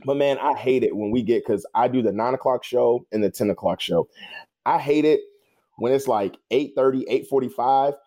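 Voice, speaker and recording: A man's voice: medium pitch, moderate pace, mellow. A man chatting casually as a podcast co-host, informal and conversational, often repeating himself. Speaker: podcast co-host, news producer.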